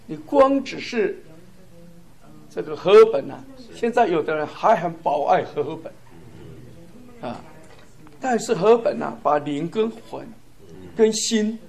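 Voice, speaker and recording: A man's voice: on the high side, gravelly, a little mellow. Fervent man preaching with chuckles. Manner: fervent, chuckling, emphatic lists. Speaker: church speaker. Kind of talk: sermon testimony.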